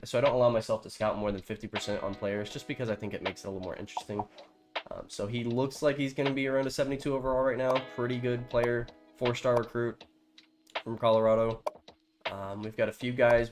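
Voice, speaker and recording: Streaming from home in front of a green screen, a congested-sounding man rambles about a football video game he's playing live, relaxed and heavy on fillers. His mid-range voice is quick, and music runs in the background.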